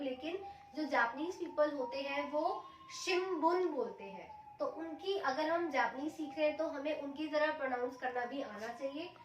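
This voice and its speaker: A woman teaching a language lesson, explaining each rule step by step and patiently repeating the examples slowly. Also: high-pitched, a little hiss or hum. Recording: echoey room, mic at a distance.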